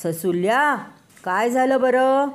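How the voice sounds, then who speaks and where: A woman voicing a calm, regal lion king in a children's story, asking slow, measured questions. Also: a little high, pitched above the performer's own voice.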